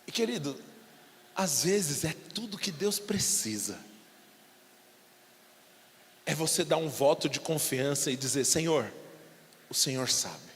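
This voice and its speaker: Brazilian male pastor, São Paulo accent, high-pitched, theatrical sermon delivery, church reverb. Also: animated, unhurried, long pauses, a little hiss or hum. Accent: São Paulo Portuguese. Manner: dramatic, acts out biblical dialogue with shouting peaks. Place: church hall. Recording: long church hall reverb.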